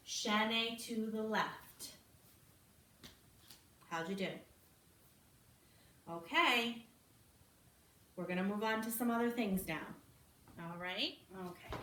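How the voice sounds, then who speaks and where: A woman teaching a children's ballet class, slowly naming and counting the steps as she demonstrates them. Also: fairly high pitch, a bit bright. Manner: slow, encouraging, counts and names steps while demonstrating. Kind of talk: online kids' ballet class instruction. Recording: roomy, from a distance, faint noise.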